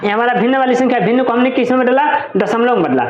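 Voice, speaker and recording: A man's voice: extremely high pitch, slight background noise. A man teaching a math lesson at a board, asking questions and then answering them himself. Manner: counts slowly while pointing at parts. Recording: echoey room, dull lo-fi sound.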